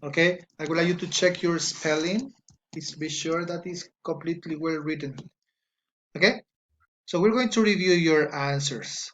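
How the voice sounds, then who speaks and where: A high-pitched, slightly bright male voice comes through with a bit of background noise. He's a native Spanish speaker from Ecuador with an Ecuadorian Spanish accent, teaching an online English class. Slowly and patiently, he reads student answers aloud and corrects their spelling and grammar.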